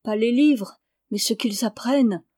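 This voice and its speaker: A woman's voice: fairly high pitch, measured pace, no echo. Woman doing a kind respectful farm boy, storybook reading, dry voice. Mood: earnest. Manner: gentle, respectful. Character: kind earnest peasant boy, brother.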